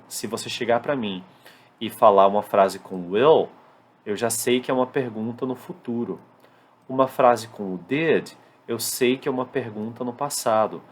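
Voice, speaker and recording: A Brazilian man with a Brazilian Portuguese accent, teaching an English lesson at a whiteboard and slowing down to spell out English examples. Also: medium pitch. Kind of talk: classroom-style lesson at a whiteboard.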